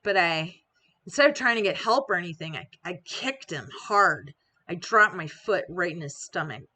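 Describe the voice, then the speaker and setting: A woman reads an interactive story aloud in the first person, in a loose, chatty way with small fillers. Her voice sits slightly low, with a bright, forceful edge. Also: lively intonation, moderate pace. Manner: casual, conversational narration with fillers.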